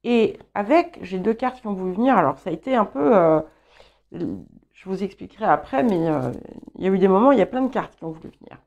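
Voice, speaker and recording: A woman whose first language is English gives a tarot guidance reading in a calm, gently encouraging way. Her voice is mellow and a little gravelly, and she takes her time. The recording sounds dull and lo-fi. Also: medium pitch, a little fast. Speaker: tarot reader.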